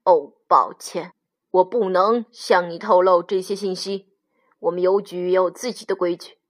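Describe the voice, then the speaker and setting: A woman's voice: on the low side, steady tone, normal speed, pitched below the performer's own voice, lightly acted. A woman voicing a stern, officious old male gray dog who runs the post office, in a storybook read-aloud. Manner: prim, officious.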